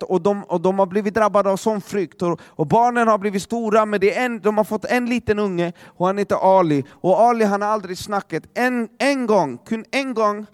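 Male preacher, high voice, dry close sound, dramatic storyteller who goes quiet for emphasis. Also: no room sound. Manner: dramatic, drops to a hush for emphasis; repeats words as he restarts. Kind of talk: sermon storytelling.

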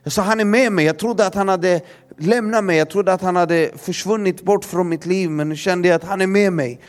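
Young man, earnest, halting testimony, slightly high voice. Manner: halting, repeats words, earnest. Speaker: preacher giving testimony. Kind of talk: personal testimony.

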